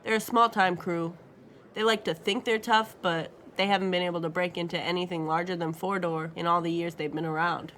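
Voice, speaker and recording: A woman's voice: fairly low pitch, steady tone, a little fast, a bit bright, lightly acted. Woman voicing an affectionate old thief father. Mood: confident. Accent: Spanish. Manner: affectionate, teasing, confident. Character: aging male career thief, warm doting father.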